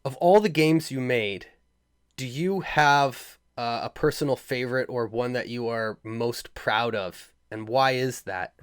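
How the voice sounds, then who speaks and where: A man interviewing a guest, his questions halting and full of restarts. His voice is smooth and clear, at a middle pitch. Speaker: interviewer, podcast host. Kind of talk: casual interview.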